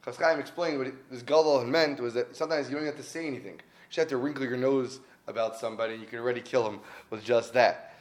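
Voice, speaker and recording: A man's voice: medium pitch, steady tone, fast talker. A man giving an earnest weekly Torah talk, telling stories in a conversational way and stressing his points by repeating them. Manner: earnest, conversational, with emphatic repetition. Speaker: Torah teacher.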